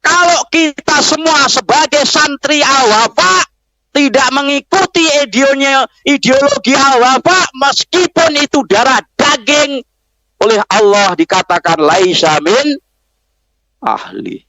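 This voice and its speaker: Addressing students at an Islamic boarding school, a preacher tells a story and keeps throwing rhetorical questions at his audience. He has a very high, bright and forceful voice with lively intonation and a measured pace. The recording has no echo but is low quality.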